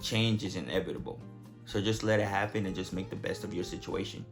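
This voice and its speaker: A man's voice: low voice, steady tone, brisk, music in the background. A young man from Nigeria telling his story to camera in a casual, joking, profane way. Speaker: vlogger.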